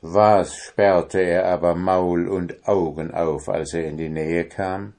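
A man reading a fairy tale aloud as narrator, in a calm, measured storytelling manner. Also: low-pitched.

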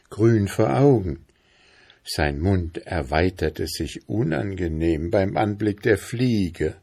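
Slow, expressive male story reader. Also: low-pitched, breathy edge. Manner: expressive, unhurried narration. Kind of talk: storybook reading aloud.

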